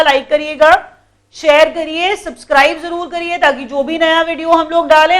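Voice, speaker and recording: A woman with an Indian accent teaching English vocabulary in a lesson, explaining patiently, repeating words and quizzing her students. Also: sits high. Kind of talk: classroom lesson.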